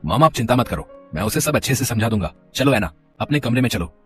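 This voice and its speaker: A man voicing a calm, reassuring young husband who mixes in English words. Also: mid-range voice, fast, breathy edge, faint music behind.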